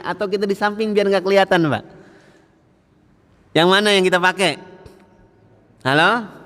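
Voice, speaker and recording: A man's voice: fairly high pitch, fairly bright tone, clean tone. A man preaching a mosque sermon, constantly asking the congregation questions and acting out everyday scenes. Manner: engaging, quizzes listeners with frequent questions; acts out everyday scenes and quotes scripture slowly. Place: mosque hall. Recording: reverberant mosque hall.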